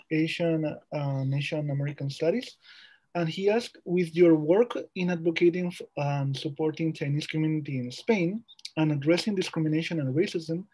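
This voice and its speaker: A man moderating an online roundtable over a video call, speaking politely and haltingly as he reads out audience questions. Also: fairly high pitch, warm tone, husky, low-quality recording. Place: small room indoors.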